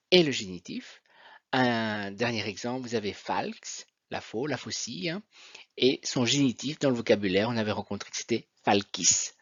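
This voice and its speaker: A male teacher explaining grammar slowly and patiently, leading the listener through one example after another. His voice sits at an ordinary middle pitch. The recording is somewhat muffled and completely dry. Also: dry recording. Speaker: Latin teacher.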